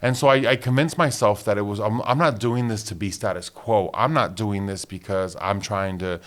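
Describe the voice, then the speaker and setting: Podcast co-host, man in his late thirties, lowish voice, chatty and animated. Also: normal speed. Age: 30s. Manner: animated, laughs often, many fillers like "like". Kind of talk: casual chat.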